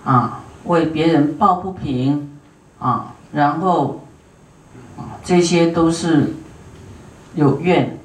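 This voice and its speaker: Buddhist nun lecturing in a roomy hall. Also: female voice, low voice. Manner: unhurried, with many drawn-out "ah" fillers; asks the audience questions and to raise hands. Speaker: Buddhist dharma teacher. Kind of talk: dharma lecture to an audience. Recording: roomy hall sound, voice from a distance.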